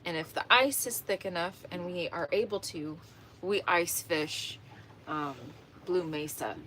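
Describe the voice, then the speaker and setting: A woman's voice: fairly low pitch, a little slow, fairly bright tone, a little hiss or hum, low-quality recording. A woman fishing vlogger chatting casually outdoors on a boat, laughing easily and reading viewer comments aloud. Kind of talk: casual livestream chat. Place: outdoors on a boat on a lake in the rain.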